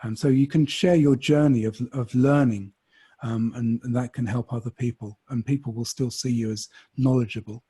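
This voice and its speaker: A man's voice: medium pitch, fairly even intonation, normal speed, mellow, slightly rough. A man on a video call, talking thoughtfully with frequent ums and restarts. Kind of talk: casual video call discussion.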